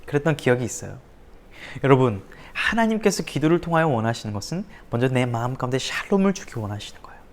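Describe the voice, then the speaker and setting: A young man preaching to middle schoolers at a church service. He swings between loud, animated retellings of his school days and hushed, whispered passages. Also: medium pitch, fast talker, background noise. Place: church, recorded for an online service.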